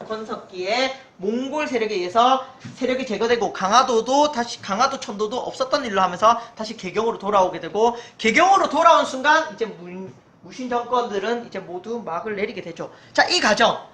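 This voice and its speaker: A woman teaching a history lesson online, lively and emphatic, repeating key terms and checking that students follow. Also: fairly high pitch. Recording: echoey room with faint noise.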